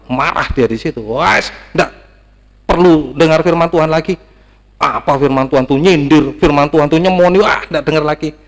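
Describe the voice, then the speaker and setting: A man's voice: mid-range voice, in a large hall. Emphatic man preaching a sermon. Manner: emphatic, repetitive, rising to stressed peaks.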